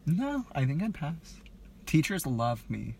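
A man's voice: a little high, very animated, takes it slowly, creaky, warm tone, breathy edge. A young man co-hosting a casual podcast chat, playful and teasing, laughing often. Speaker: podcast co-host.

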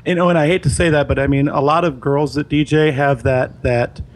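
A man's voice: fairly high pitch, steady tone, a little fast, a little hiss or hum, low-quality recording. Easygoing man chatting with fillers. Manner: easygoing, hesitant with many fillers. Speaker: podcast co-host. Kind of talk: casual chat.

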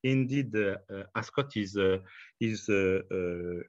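Low-voiced French-accented man, halting. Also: dry recording, highs cut off. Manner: halting, many fillers and restarts. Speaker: hospitality executive. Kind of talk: business interview.

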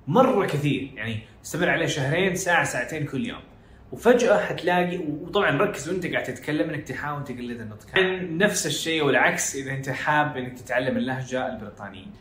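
A Hejazi-accented man from Jeddah, Saudi Arabia, hosts an easygoing educational podcast at a medium pitch with a somewhat bright tone. He switches into English phrases within his Arabic. The recording is echoey with slight background noise.

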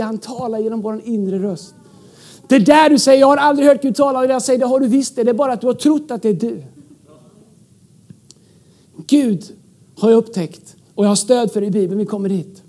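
A man from Sweden preaching a sermon as pastor to his congregation, animated, shouting out points and dropping English words into his talk. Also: extremely high pitch. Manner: animated, bursts into shouts, joking asides; drops English words into speech. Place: church stage before a congregation.

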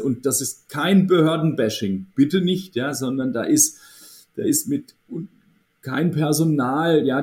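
A man's voice: mid-range voice, darkish tone. A man speaking as an association's managing director in a podcast interview, thoughtful and hesitant, with many fillers and restarts.

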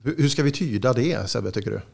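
A man's voice: medium pitch, expressive, creaky. Joking, stammering Swedish radio host, male. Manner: joking, laughs often, halting restarts. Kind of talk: casual studio banter.

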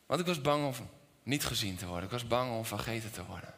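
A middle-aged male pastor preaching a sermon to his congregation, telling a personal story, asking them questions, and moving between loud, animated passages and quiet, intense ones. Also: medium pitch, fast, gravelly. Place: church hall with congregation. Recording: long hall reverb.

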